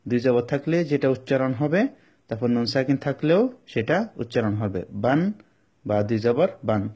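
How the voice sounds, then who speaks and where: A man's voice: mid-range voice, expressive, mellow, breathy edge, lo-fi sound. A man with a Bangladeshi Bengali accent teaching Quran reading, explaining each rule patiently and repeating it several times. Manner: drawn-out chanted Arabic examples. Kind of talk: step-by-step recitation lesson.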